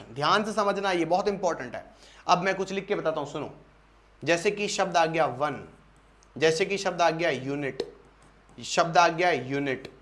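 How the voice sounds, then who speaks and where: A man's voice: high voice, a bit bright. A young Indian man teaching an exam-prep English lesson. He repeats each point and keeps asking the class rhetorical questions.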